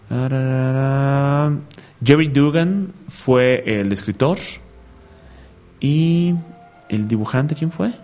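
A male radio host rambles through stories on a casual show, chatting and joking along the way. His voice is mid-range, in an ordinary middle register, with soft music playing faintly beneath him.

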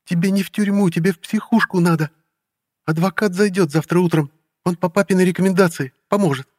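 A man's voice: high-pitched, steady tone, a little fast, dry recording, clean studio sound, pitched above the performer's own voice. A man reading a novel aloud, voicing a bitter, tearful ex-wife whose voice trembles with scorn. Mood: scornful. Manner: scornful, sharp, trembling with anger. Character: bitter tearful ex-wife, woman in her thirties.

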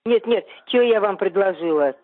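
A woman's voice: medium pitch, lively intonation, normal speed, husky. A woman in her seventies on a phone call, indignant and argumentative, swearing when annoyed, heard over a tinny phone line. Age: 70s. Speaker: prank call target. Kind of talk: phone conversation.

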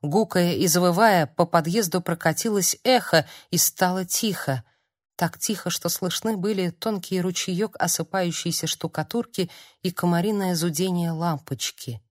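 A woman reads an audiobook in a calm, measured way, her voice sitting on the low side. It's scripted narration, recorded dry with clean studio sound.

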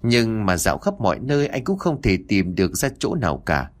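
A man with a low, husky voice tells a ghost story in a dramatic, suspenseful way. His pitch rises and falls a great deal, keeping the tension up. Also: very animated, a little fast, soft background music.

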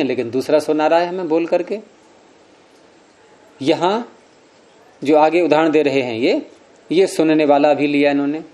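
A man's voice: on the high side, a little mellow. A man teaching Sanskrit philosophy in to a class, reciting sutras and questioning his students as he goes. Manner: questions the class often, repeats key words, Sanskrit recitation. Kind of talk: classroom lecture explaining sutras.

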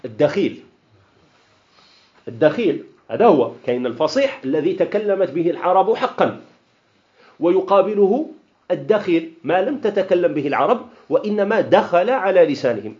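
An Algerian man lectures on Arabic grammar in a somewhat high voice whose pitch moves a great deal. He puts questions to the class and answers them himself, switching between classical Arabic and dialect. The recording sounds dull and lo-fi. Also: sing-song, normal speed, a little mellow. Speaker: Islamic studies teacher. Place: lecture hall of an association.

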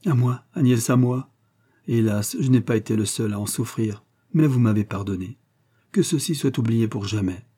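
A man voicing a grave, lovesick colonel in an audiobook, passionate and earnest. His voice is dark and husky, low in brightness, with a mellow warmth. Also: moderate pace, close to an everyday voice. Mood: tender.

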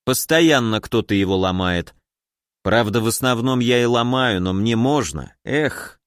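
A man's voice: medium pitch, lively intonation, unhurried, no echo, studio quality, lightly acted. A man voicing a boisterous, grumbling male mage who teases and complains in an indignant way. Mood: rueful. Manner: indignant, teasing.

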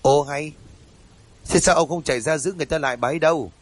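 A man voicing a village chief's middle-aged wife who scolds and nags her husband briskly, in a storybook reading. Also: a little high, close to an everyday voice. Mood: scolding.

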